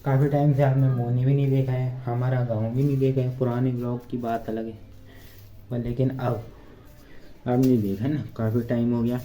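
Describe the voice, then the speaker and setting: Warm and medium-pitched, this young Indian man's voice holds a level tone at a moderate pace as he cleans rooms in his village home. His casual vlog is full of jokes and rambling, with viewers addressed as "brothers," and he's slightly breathless. He records on his phone without an external mic, so the sound is dull and lo-fi in an echoey room.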